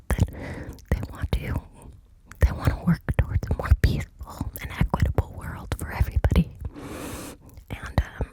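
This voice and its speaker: A woman whispering into cupped hands close to the mic, ear to ear, in a hesitant, informal ASMR ramble. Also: rough recording. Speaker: ASMR content creator. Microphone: close microphone, ear to ear.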